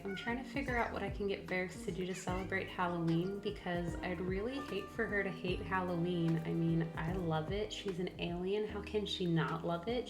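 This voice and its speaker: A woman's voice: lowish voice, reverberant. A woman giving casual, chatty let's play commentary as a gaming video creator, often talking directly to the characters. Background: background music.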